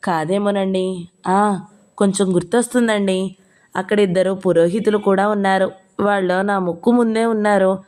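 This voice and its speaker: A woman's voice: mid-range voice, steady tone, normal speed, darkish tone, natural voice. Woman reading a meek young bride. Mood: sheepish. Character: young educated bride, timid, self-mocking.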